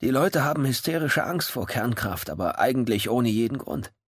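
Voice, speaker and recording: A man's voice: mid-range voice, expressive, normal speed, husky, no room sound, voice pushed up. A man voicing a worried, boastful company director of about sixty in a read-aloud story. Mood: proud. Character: anxious, proud sixty-year-old company director.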